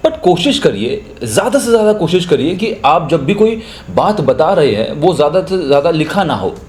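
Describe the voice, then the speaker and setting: A man's voice: fairly high pitch, sing-song, moderate pace, darkish tone, roomy sound. A young man with a Hindi accent, teaching voiceover in a casual, chatty spoken tutorial. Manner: chatty, explains with spoken examples.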